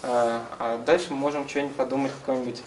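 A man's voice: medium pitch, fairly even intonation, quick pace, a little mellow. A man in his thirties giving an informal seminar lecture and answering questions, hesitantly searching for words as he explains. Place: small classroom-like seminar room, indoors. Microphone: camera some metres away. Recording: distant camera mic, faint room noise.

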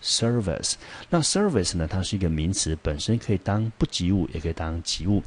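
A man with a low, husky voice teaches an English vocabulary lesson. He patiently walks through English example sentences and keeps asking the class rhetorical questions to check they follow. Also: warm tone. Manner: mixes English example sentences into Mandarin explanation.

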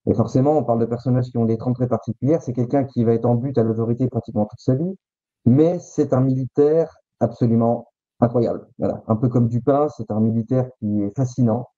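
Dark-voiced man telling history stories. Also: medium pitch, fairly even intonation, dry recording, dull audio. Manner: halting, restarts phrases, teasing suspense. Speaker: author guest. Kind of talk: storytelling history chat.

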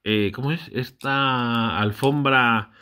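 A man's voice: mid-range voice, slow, sharp tone, clear, resonant tone. A man, casually vlogging a brick build with his child, chatty and often unsure as he corrects himself.

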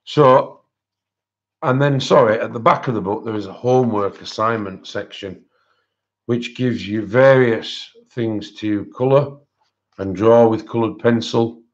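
Low-voiced man with weak R's, dull recording. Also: measured pace. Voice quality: cannot pronounce his R's properly, says w for r. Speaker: host of an art livestream. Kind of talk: casual live-stream chat, showing colouring books. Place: indoors at a desk, overhead camera on hands. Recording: dull, lo-fi sound.

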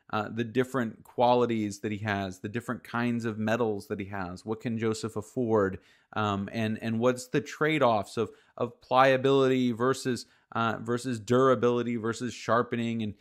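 Earnest pastor giving a webcam sermon. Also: male voice, mid-range voice. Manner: earnest, explanatory, many fillers and restarts. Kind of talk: recorded video sermon. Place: home office, indoors. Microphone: studio microphone with headphones, close.

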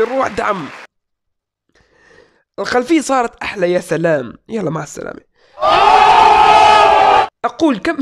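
A man in his twenties in a small room, reading viewer questions aloud and answering them in a playful, joking way. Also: high voice. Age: 20s. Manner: joking, playful, reads out comments. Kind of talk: casual Q&A vlog. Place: small indoor room at a desk.

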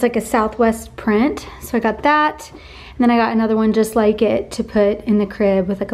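A young adult woman and pregnant mom chatting casually to the camera in a vlog, full of fillers and "like". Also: fairly high pitch. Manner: chatty, filler-heavy, peppered with "like".

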